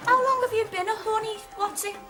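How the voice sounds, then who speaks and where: A woman's voice: very high-pitched, fairly quick. An actress playing a cheeky, bossy young woman who teases with dry sarcasm in natural TV comedy-drama dialogue. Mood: playful teasing. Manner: teasing, wisecracking, deadpan sarcasm. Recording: music and crowd chatter behind.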